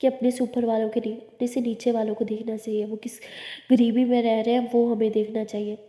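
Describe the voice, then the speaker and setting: A woman's voice: on the high side, little pitch movement, fairly quick, dark tone, close to an everyday voice. A woman voicing a caring young college woman who coaxes and lightly scolds her girlfriend. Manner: soothing, coaxing, lightly scolding. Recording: echoey reverberant room.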